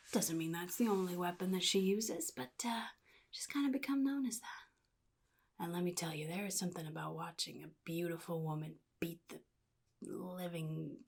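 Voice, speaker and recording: A woman voicing the Joker, a chaotic, sadistic male crime mastermind, in a soft-spoken ASMR roleplay with a breathy, halting, casually menacing drawl. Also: lowish voice. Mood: casually boastful, then relishing menace. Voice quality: breathy, husky, gravelly whisper.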